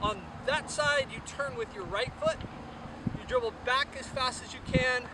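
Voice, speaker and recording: A man's voice: extremely high pitch, moderate pace. A man coaching youth soccer, out of breath, explaining drills step by step outdoors. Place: outdoor field. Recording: distant mic, loud wind and traffic noise.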